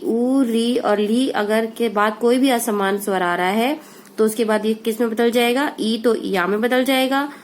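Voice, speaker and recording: A woman teacher giving a grammar lesson, asking questions and answering them herself, with a faint hiss behind her. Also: fairly high pitch.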